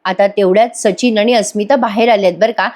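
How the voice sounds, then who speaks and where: A woman's voice: medium pitch, fairly even intonation, a little fast, a little mellow. A woman recapping a TV serial episode in a chatty voice-over, addressing viewers directly. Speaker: TV serial reviewer.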